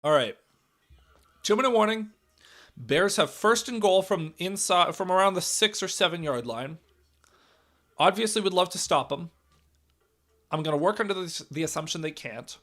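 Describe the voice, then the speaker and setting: In casual live commentary on a game, a young man with a hoarse, raspy, cracking voice moves from loud calls to quiet muttering as he reacts. He's animated, at a moderate pace, and pauses often.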